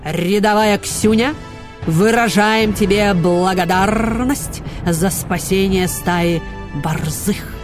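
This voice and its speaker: A woman voicing a stern older male dog commander who speaks slowly and solemnly. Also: medium pitch, music in the background, lightly acted.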